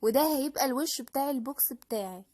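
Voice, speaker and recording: A DIY crafts channel host with an Egyptian Arabic accent narrates a casual voice-over tutorial, chattily explaining each step. She speaks quickly in a high, darkish voice with lively intonation, often breaking off to restart phrases and using fillers.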